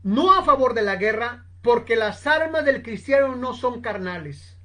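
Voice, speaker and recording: A woman preaching a sermon, telling a story slowly and with emphasis, constantly addressing her listeners as brothers. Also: fairly high pitch, animated, bright, forceful tone. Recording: online seminar recording.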